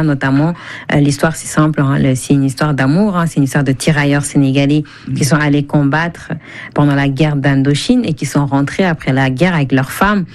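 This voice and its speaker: A woman from Senegal speaks in a low, slightly mellow voice as a radio interview guest. A cookbook author and food blogger, she explains things in a conversational way, restating ideas as she goes.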